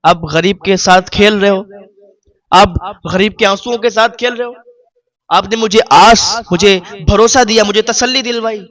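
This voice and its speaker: A man's voice: high-pitched, fairly bright tone. A man voicing a poor, grieving father who pleads and repeats his complaint through tears. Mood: pleading.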